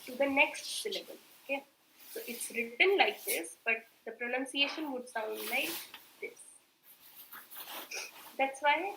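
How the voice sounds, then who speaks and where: Slow-speaking woman teacher, echoey room. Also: on the high side, sharp tone, slight background noise. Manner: patient, repeats words slowly, mixes in Hindi; clears throat often. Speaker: Korean language teacher. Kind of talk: online grammar class.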